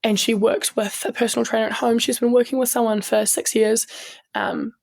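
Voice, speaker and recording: A woman's voice: a little high, flat delivery, fairly quick, vocal fry, a little mellow. A woman with a New Zealand accent, telling stories as a guest in an easygoing interview, earnest and full of restarts. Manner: earnest, with frequent restarts and ums. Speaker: guest, strength coach and sports medic. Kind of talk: casual interview storytelling.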